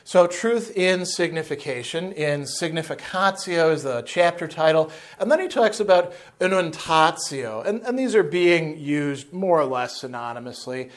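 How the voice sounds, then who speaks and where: A man in his fifties giving an animated, unscripted philosophy lecture in front of a chalkboard, with asides and restarts, on a lapel mic. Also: on the high side, normal speed, few pauses. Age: 50s. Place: indoor room in front of a chalkboard.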